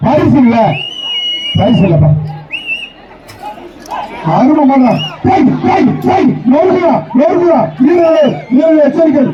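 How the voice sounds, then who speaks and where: A man calls out a live outdoor contest through a public address loudspeaker, firing off short shouted calls and repeating words. His voice sits very high. It arrives muffled and echoey from a distance, over a loud cheering crowd. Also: lively intonation, a little slow, pauses often, noisy background. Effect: heard through a public address loudspeaker. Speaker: bull-taming event announcer.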